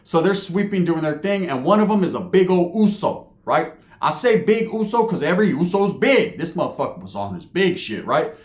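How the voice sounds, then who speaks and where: A man's voice: fairly high pitch, very animated, moderate pace, reverberant. A man telling a story about his time in prison, streetwise and profane, full of slang and asides. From California. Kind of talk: casual storytelling.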